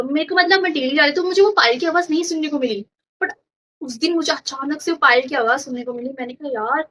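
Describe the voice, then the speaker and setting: A woman's voice: high voice, slight background noise, poor audio. A young woman vlogger casually telling a funny story from her school days, acting out the lines of the people in it. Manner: chatty, animated retelling with quoted dialogue.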